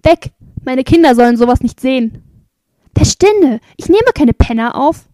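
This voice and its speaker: A woman voicing hostile townsfolk who turn a beggar away, speaking loud, fast and indignant. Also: lively intonation, no room sound, clean studio sound. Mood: scolding. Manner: shrill, loud, quick and indignant.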